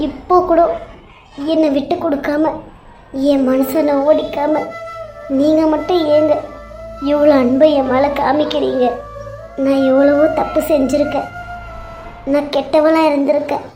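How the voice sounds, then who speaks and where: A woman plays a tearful young wife in a cartoon serial, pleading and apologetic. The voice sits very high yet soft and mellow in tone. Faint music plays underneath. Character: young tearful wife, pregnant after long wait. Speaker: voice actor for animated serial.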